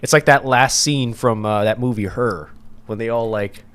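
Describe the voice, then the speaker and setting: A young man co-hosting a casual podcast, joking around with slangy asides and quick reactions. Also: medium pitch, fairly bright tone, clear, resonant tone. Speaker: podcast co-host.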